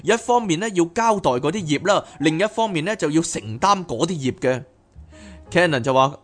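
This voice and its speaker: A man reads a book aloud as podcast host and breaks off into animated, chatty asides. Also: fairly high pitch, moderate pace, faint music behind. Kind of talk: reading a book aloud with commentary.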